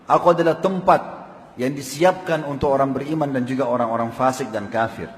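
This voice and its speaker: A man voicing a grave that speaks, stern and grim, declaiming loudly in a sermon parable. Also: medium pitch, brisk, lightly acted. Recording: long hall reverb.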